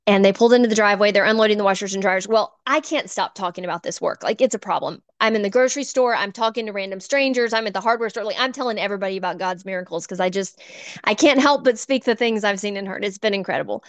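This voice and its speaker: A woman's voice: mid-range voice, quick pace, no echo. Earnest woman telling her testimony. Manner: earnest, emotional, gets choked up. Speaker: church volunteer guest. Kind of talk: personal testimony storytelling.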